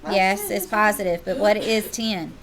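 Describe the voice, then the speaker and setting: A woman's voice: mid-range voice, steady tone, unhurried, crowd noise. A woman teacher, leading a classroom math lesson and playfully teasing her students.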